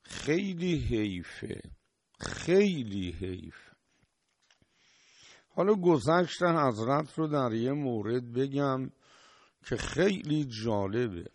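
A man's voice: mid-range voice, animated, pauses often, dry recording. A man preaching a sermon, retelling a story with emphatic rises.

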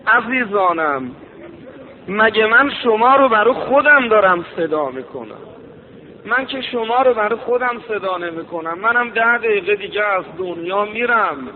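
A man's voice: high voice, animated. A man preaching a mourning sermon, chanting and rising to impassioned cries. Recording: tinny phone-like sound.

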